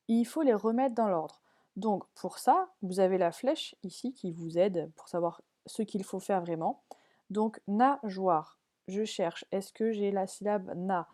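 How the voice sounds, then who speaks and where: Give me a patient woman primary school teacher with a mellow voice, explaining a learning app step by step. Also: medium pitch, unhurried. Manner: patient, step by step, often checks with "d'accord?". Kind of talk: screen-recorded app walkthrough for parents and pupils.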